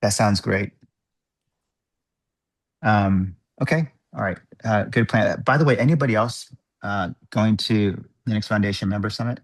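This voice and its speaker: A man chairing an online work group meeting, thinking aloud in a halting, measured way over a video call microphone. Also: lowish voice.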